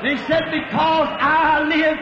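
A man preaching an impassioned revival sermon, often shouting. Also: very high voice, little pitch movement, slow pace. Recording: old roomy dull recording with loud crowd noise. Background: congregation noise.

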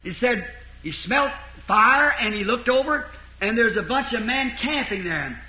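A man delivers a sermon as a rambling folksy story. His voice sits very high and sounds sharp and bright. The recording is roomy, with echo all around him. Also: expressive, slow. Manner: folksy, rambling retelling with repeated "he said". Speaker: preacher.

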